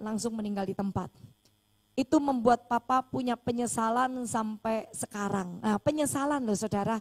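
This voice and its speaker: A high-pitched woman pastor preaching. She tells her story with animated energy and acts out the voices of the people in it. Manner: animated storytelling, acting out dialogue. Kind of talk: sermon storytelling.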